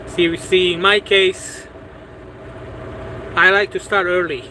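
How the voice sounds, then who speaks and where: A man's voice: high-pitched, level tone, slow pace, bright, forceful tone, slight background noise, low-quality recording. A man, a truck driver chatting casually with his livestream viewers and circling back over his words with many "you know"s. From Bosnia. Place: parked truck at a truck stop.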